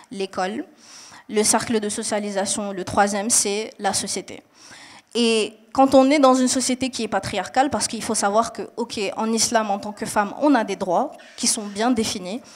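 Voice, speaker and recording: Answering a question on a panel, a young woman raised in Saudi Arabia with origins in Mali and Niger speaks in a mid-range voice. Her explanation is earnest, punctuated by many hesitations and restarts.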